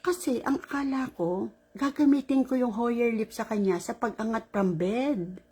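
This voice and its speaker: Middle-aged woman, caregiver type, exhausted; husky and mellow, chatty rambling vlog delivery. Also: a little high, normal speed. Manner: rambling, animated retelling with laughs. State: tired after a long shift. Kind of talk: casual vlog storytelling.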